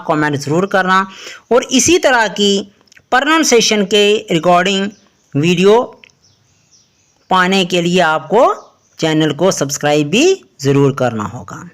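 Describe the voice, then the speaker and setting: A woman teaching English pronunciation in Hindi, spelling out letters slowly and asking the listener questions as she explains. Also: on the low side, a bit bright. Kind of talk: explanatory lesson.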